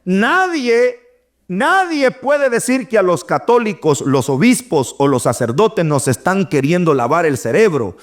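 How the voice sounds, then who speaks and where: A middle-aged man, preaching an animated sermon and acting out the voices he quotes. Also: sits high, unhurried.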